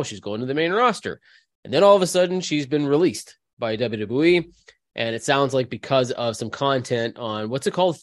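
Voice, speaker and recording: A man's voice: mid-range voice, no room sound, clean studio sound. A man hosting a podcast, talking through news in a casual, conversational way. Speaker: podcast host.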